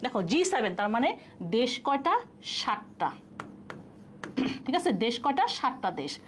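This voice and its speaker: Woman teacher, high voice, quiz-style lecturing, faint background hiss. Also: sing-song, a little slow. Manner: explains step by step, asks and answers own questions. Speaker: online exam-prep teacher. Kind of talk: live online class lecture.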